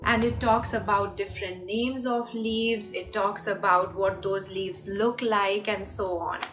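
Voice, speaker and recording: A woman's voice: mid-range voice, fairly even intonation, a little slow, fairly bright tone, rough recording. A woman presenting book recommendations in an explanatory way, as if talking to parents. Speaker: presenter reviewing children's books. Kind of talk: informal book recommendation monologue to camera. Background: background music.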